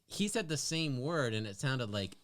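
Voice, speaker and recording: Animated storytelling man, lively pitch. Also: normal speed. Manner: storytelling, animated, swears casually. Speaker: podcast co-host. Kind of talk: casual chat.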